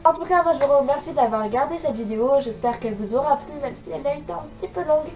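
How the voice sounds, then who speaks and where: A woman's voice: high voice, racing, darkish tone, far from the mic, low-quality recording. A young woman talking casually about books in a vlog, chatty and eager, with frequent filler words. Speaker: book vlogger. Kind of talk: casual chat.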